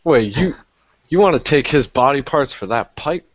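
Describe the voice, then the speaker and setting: A man playing a tabletop game, chatting casually with quick asides. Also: medium pitch, lively intonation, no room sound, muffled recording. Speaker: player.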